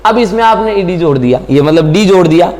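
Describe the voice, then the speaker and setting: A man with a fairly high voice gives a grammar lesson, speaking straight to his students. He keeps asking them questions and answering them himself. The recording carries a long reverb tail. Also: lively intonation, fairly quick, a little mellow. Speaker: English teacher.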